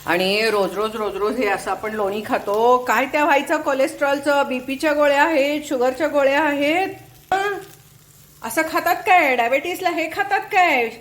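A woman's voice: high-pitched, moderate pace, a bit bright. A middle-aged woman hosting a home cooking channel, talking casually and playfully in her kitchen, teasing her viewers and laughing lightly. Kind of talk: casual chatty vlog.

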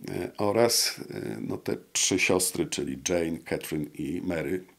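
Recorded cleanly on a lapel mic in a studio with wood panelling and a brick wall, a gravel-voiced man in his sixties speaks as an interview guest. His deep voice delivers a long, careful historical account, halting frequently and filling pauses with drawn-out "e" sounds.

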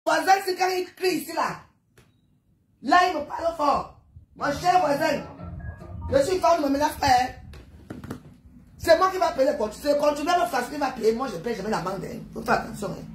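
Woman, high voice, emphatic and repetitive ranting, monologue at home, echoey room. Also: lively intonation, a little fast, slight background noise. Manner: emphatic, repetitive, peppered with tag questions. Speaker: widow ranting about her neighbors. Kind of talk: emotional monologue. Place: at home in an apartment building.

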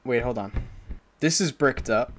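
A gaming streamer in his twenties offers casual, wry, jokey commentary on a horror game while chatting to viewers. His voice is medium-pitched with a measured pace, and game music plays in the background of his small indoor streaming room.

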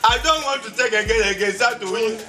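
A man's voice: very high-pitched, quick pace, pushed and bright. A Ghanaian man acting a jealous, clumsy boyfriend in a comedy skit, speaking broken English and repeating himself. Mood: shooing. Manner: broken English, repeats words over and over, whiny, laughs a lot. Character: jealous, clumsy young man guarding his girlfriend. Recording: echoey, far from the mic, music behind.

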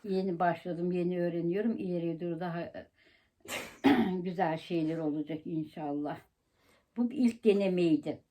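A woman's voice: on the low side, moderate pace, warm tone. A chatty woman in her seventies, a grandmother talking casually and colloquially. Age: 70s. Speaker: grandmother making prank calls. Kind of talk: casual chat and prank calling.

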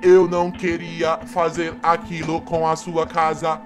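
A young guy putting on a slow, friendly Siren Head monster. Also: fairly high pitch, monotone, voice pushed down, close to an everyday voice. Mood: pleading friendly. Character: giant creepy Siren Head creature, clumsy and friendly. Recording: background music under voice.

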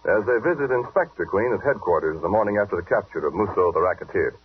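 A man's voice: lowish voice, lively intonation, fast, a little hiss or hum. A man announcing a commercial in the chummy, persuasive patter of an old 1940s radio broadcast. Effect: old 1940s radio broadcast sound. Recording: tinny, phone-narrow 1940s radio recording.

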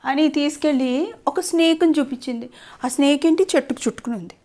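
A woman, a mother, telling a children's story in a playful, sing-song, animated way. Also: high-pitched, quick pace.

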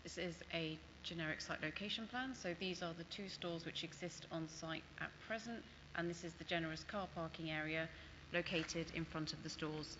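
A woman's voice: deep voice, normal speed. A woman giving a formal presentation as a planning officer. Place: large council chamber. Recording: muffled chamber audio with clear background noise.

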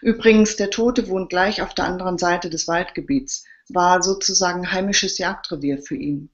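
A woman's voice: fairly low pitch, moderate pace, close to an everyday voice. A woman voicing a wry male police colleague with an offhand way of talking, in a dull lo-fi recording.

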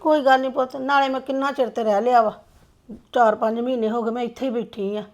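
A woman playing a soft-spoken older mother whose voice sits fairly high with a gravelly edge. She pleads and consoles gently, hurt but yielding. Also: steady tone, quick pace, lightly acted. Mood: gentle, hurt. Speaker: mother-in-law character.

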